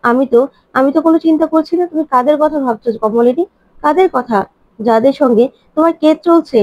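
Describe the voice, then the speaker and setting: A woman's voice: sits high, darkish tone, dry recording, natural voice. A woman voicing an adult man who is insistent, hurt and defensive, pressing one reproachful question after another in a dry, dull recording. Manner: pleading, rapid, reproachful questions.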